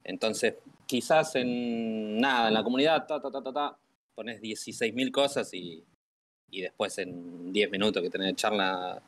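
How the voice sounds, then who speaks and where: A man's voice: on the low side, measured pace, a bit bright. A man with a Rioplatense Spanish accent, chatting casually and rambling about a game over voice chat. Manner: rambling, repeats "¿me entendés?". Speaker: gamer chatting with a streamer.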